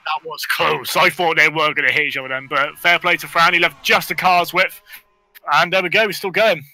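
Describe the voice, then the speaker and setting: A man's voice: a little high, fairly even intonation, fairly quick, bright, forceful tone, no room sound, soft background music. A man giving analytical live race commentary as a co-commentator, thinking aloud and qualifying his points. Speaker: motor racing co-commentator.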